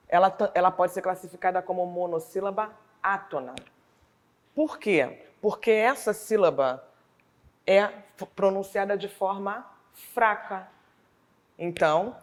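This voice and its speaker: Patient teacher woman, slightly low voice. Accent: Rio de Janeiro Portuguese. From Brazil. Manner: slow, deliberate syllable-by-syllable explanation. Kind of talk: online school lesson.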